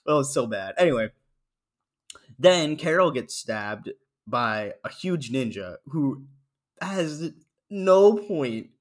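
A man co-hosting a podcast in casual chat, reviewing a movie with mocking energy and acting out scenes with sudden loud screams. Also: mid-range voice, expressive, slow pace.

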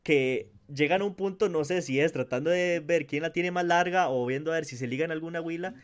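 High-voiced Costa Rican man, animated. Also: a little fast, smooth. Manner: animated, imitates grunts and shouts. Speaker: podcast host. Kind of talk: casual chat.

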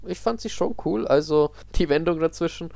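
A man with a German accent who hosts a podcast, reading a horror story aloud in a calm, even way and then chatting casually. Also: a little high, normal speed, vocal fry, no echo. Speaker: podcast host and story reader.

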